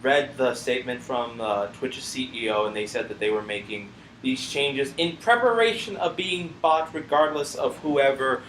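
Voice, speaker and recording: Halting male podcast co-host, echoey room. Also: medium pitch, fairly bright tone, a little hiss or hum. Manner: halting, frequent restarts and slips. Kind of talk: casual podcast chat.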